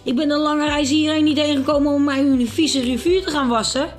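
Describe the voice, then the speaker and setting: A woman reading aloud, voicing a proud, rich army general who shouts angrily, raised and loud above her reading voice. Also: high voice, fairly even intonation, a little fast, soft background music, pitched above the performer's own voice, natural voice. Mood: indignant. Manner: angry shouting.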